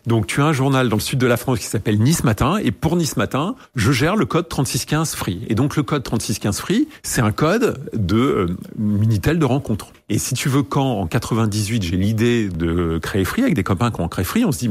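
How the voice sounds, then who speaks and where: A man being interviewed, telling his story in a rambling, animated way and acting out old conversations. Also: medium pitch, husky. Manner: animated, rambling with frequent restarts; acts out phone dialogues in voices. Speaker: entrepreneur guest.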